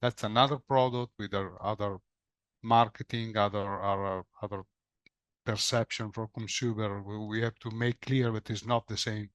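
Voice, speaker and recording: A man's voice: fairly low pitch, fairly even intonation, moderate pace, smooth, no room sound. A man moderating a webinar, thanking speakers and introducing the next one, often repeating words and restarting sentences. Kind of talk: moderating a video call. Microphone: video call.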